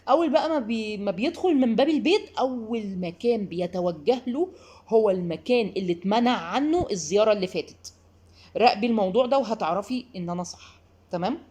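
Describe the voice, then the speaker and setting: A woman's voice: mid-range voice, quick pace. A woman with an Egyptian accent giving parenting advice, talking straight to the listener and acting out quotes. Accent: Egyptian Arabic. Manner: animated, addresses the listener directly, acts out quotes. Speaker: parenting advisor. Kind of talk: advice talk to mothers.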